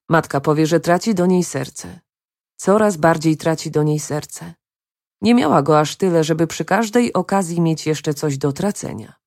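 A woman reading a novel aloud in calm, even scripted narration. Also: low voice, no room sound, clean studio sound. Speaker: audiobook narrator.

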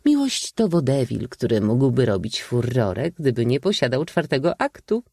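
Brief: man voicing a sharp-tongued spinster aunt, shrill and declamatory, lively swoops, dry close sound. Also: moderate pace, creaky, no echo. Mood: teasing. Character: theatrical, sharp-tongued old maid aunt. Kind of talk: audiobook reading.

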